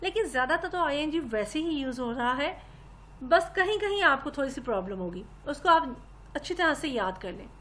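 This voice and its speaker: A woman's voice: high voice, lively intonation, normal speed, fairly bright tone, a little hiss or hum. A woman teaches English grammar. She explains patiently, step by step, and keeps addressing her listeners politely. She speaks into a laptop mic for a recorded lesson.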